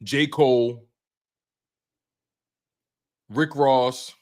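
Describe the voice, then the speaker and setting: This is a man in his twenties hosting a live sports show, talking to viewers in an easygoing, slangy way while often repeating himself and restarting lines. He has a medium pitch and speaks extremely slowly.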